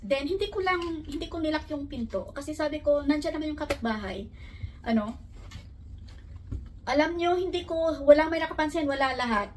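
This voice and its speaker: A middle-aged woman from the Philippines chatting casually at home as a vlogger, mixing Tagalog and English and laughing often. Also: high-pitched. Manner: coaxing baby talk to her dog. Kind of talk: casual chat. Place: at home indoors. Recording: far from the mic, faint room noise.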